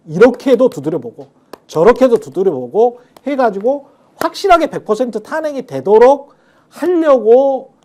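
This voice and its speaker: A man's voice: very high voice, lively intonation, moderate pace, mellow. A man on a political talk show, giving his views emphatically and drifting into blunt casual speech.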